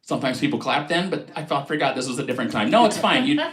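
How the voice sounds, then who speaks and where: A man's voice: medium pitch, expressive, crowd noise. Self-deprecating middle-aged male comic, echoey room. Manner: self-deprecating, acts out shoppers and clerks in quick asides. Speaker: stand-up comedian. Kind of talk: stand-up set on a live stream.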